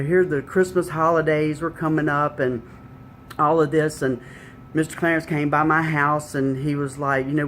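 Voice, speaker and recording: A middle-aged woman recounts her faith testimony in a plain, conversational way. She retells past conversations earnestly and often adds "you know". A faint low rumble sits in the background. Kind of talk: personal faith testimony storytelling.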